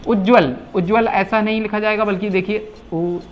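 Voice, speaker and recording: A man teaching correct Hindi spelling, repeating words slowly and asking the viewers rhetorical questions. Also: high voice, fairly even intonation, a little hiss or hum. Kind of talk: explaining spelling at a whiteboard.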